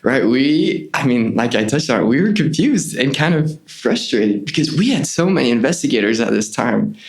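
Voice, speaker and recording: With a medium-pitched voice, vocal fry, and an ordinary pace, a young adult podcast guest shares an earnest missionary story. He brings it to life by quoting people's words in their voices.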